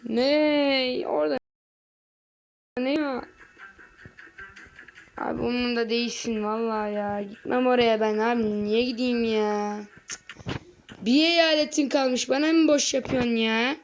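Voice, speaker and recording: High-voiced excitable woman gaming commentator. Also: measured pace, long pauses, soft background music. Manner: excitable, yells at the game, slangy. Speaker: gaming video creator. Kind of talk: let's play game commentary. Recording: lo-fi with faint noise.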